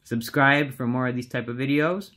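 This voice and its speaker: A young man casually narrating as he feeds his exotic pets, relaxed and chatty with lots of fillers. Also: mid-range voice, normal speed. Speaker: pet keeper and channel host.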